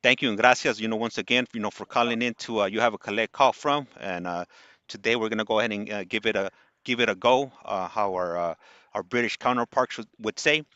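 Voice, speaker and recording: A man hosting a casual phone call, talking in a halting, wordy way and often repeating words. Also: fairly low pitch, pushed and bright, clear, resonant tone, dry recording. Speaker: show host. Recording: dull, band-limited sound.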